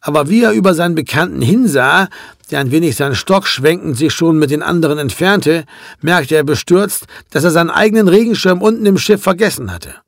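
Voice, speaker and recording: A man's voice: a little high, expressive, fairly quick, creaky, dry recording, studio quality. Man reading a classic novel aloud. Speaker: audiobook narrator. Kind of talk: scripted literary narration.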